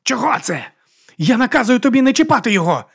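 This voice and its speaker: A man voicing an agitated male monk who shouts orders in alarm. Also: high-pitched, sing-song, fast, slightly rough, voice pushed up, exaggerated voice. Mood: frantic commanding. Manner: frantic commanding shouts.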